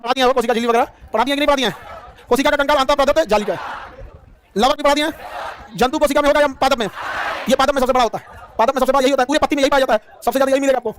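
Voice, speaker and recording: A male teacher drilling a class at high speed, firing off questions and often shouting the answers himself. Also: fairly even intonation, very fast, pauses often, some chatter behind. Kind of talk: rapid-fire classroom quizzing. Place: classroom with students. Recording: noisy crowded classroom.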